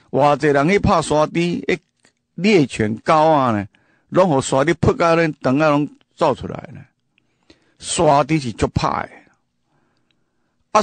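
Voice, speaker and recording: A man's voice: fairly high pitch, no room sound. Emphatic man telling folk tales. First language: Hakka. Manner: emphatic, full of rhetorical questions; repeats and restarts phrases. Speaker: host. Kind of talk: casual storytelling monologue.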